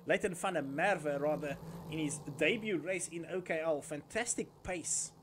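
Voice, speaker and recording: A male motorsport commentator calls a kart race live. His voice sits on the high side for a man and follows the on-track action moment by moment. Clear engine noise runs behind him. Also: normal speed.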